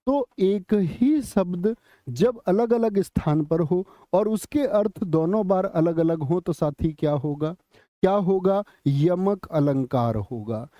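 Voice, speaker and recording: A man teaching an exam-prep class online, quizzing students with repeated questions and slowly chanting lines of poetry. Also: sits high, expressive, warm tone, dry recording, muffled recording. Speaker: Hindi teacher.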